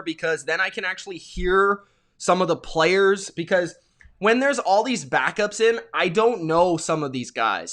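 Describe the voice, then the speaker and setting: A young man runs a live sports reaction stream from his desk mic. His voice sits high and sounds bright and sharp. He is excitable and talkative, greeting viewers by name between plays.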